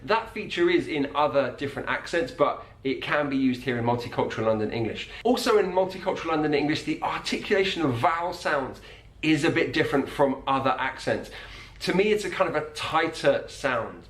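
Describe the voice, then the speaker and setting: Calm man explaining accents, roomy sound. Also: fairly high pitch, fairly quick. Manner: calm, methodical, demonstrates sounds. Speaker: accent coach.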